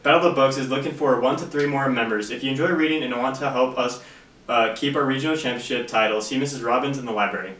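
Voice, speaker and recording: A man's voice: medium pitch, fast, a bit bright. A teenage young man co-anchoring school announcements, reading the news items from a script. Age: teens. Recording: echoey room, distant mic.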